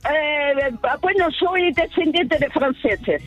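A woman's voice: high-pitched, takes it slowly, fairly bright tone, muffled recording, soft background music. A woman from the Basque Country calling in from her car, chatting casually and telling a story with animation. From Bermeo, Basque Country, Spain. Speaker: caller. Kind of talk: casual phone-in chat.

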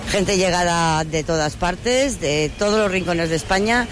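Woman field reporter outdoors, street noise behind, lively. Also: lowish voice, unhurried. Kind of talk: on-location news report. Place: outdoors at a crowded street parade.

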